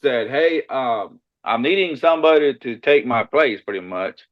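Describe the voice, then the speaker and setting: A man from Costa Rica, a guest on a podcast, telling his story in a relaxed, friendly way with short answers and small restarts. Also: medium pitch, normal speed, highs cut off. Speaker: shed hauling business owner, podcast guest. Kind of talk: casual interview chat.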